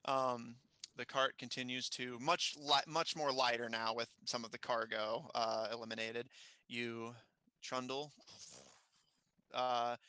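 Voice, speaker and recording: A man narrating a tabletop game as game master, improvising in a halting way as he searches for words. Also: mid-range voice, fairly even intonation, pushed and bright, no echo.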